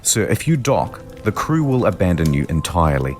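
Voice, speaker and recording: A man voicing a polite, measured pirate officer who speaks formally, over background music. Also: low voice, very animated, voice pushed down. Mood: calm. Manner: polite and measured, says "sir". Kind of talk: comedic history video voice acting.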